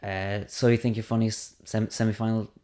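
A man with a fairly low voice chats casually on a comedy podcast. He talks hesitantly, with many restarts and trailing thoughts, and is self-deprecating about his own stage mishaps. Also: flat delivery, a little fast, warm tone. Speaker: stand-up comedian.

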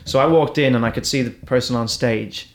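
Brisk and medium-pitched, the voice belongs to an Irish comedian doing stand-up-style casual chat. He rambles through stories and keeps restarting his lines.

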